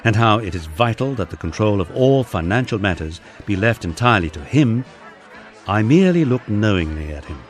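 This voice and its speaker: An English man with a lowish, sing-song voice reads his own memoir aloud at a brisk clip, telling it in a wry storyteller's way. He narrates the audiobook in the first person over soft background music.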